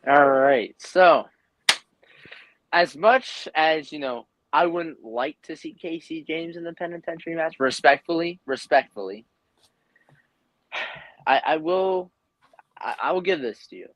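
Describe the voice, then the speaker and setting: A man's voice: on the high side, measured pace. A man bantering as a wrestling show panelist, cocky and emphatically repeating himself, on a noisy mic. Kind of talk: bantering in-character panel talk. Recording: clearly noisy mic with clicks.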